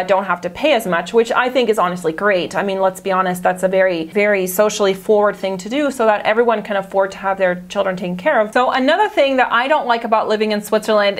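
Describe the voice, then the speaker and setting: A woman talks straight to camera in a relaxed vlog monologue, chatty and full of little fillers. Her pitch sits in the middle for a woman, and she airs mild gripes in an easy tone. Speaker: vlogger in the reacted video.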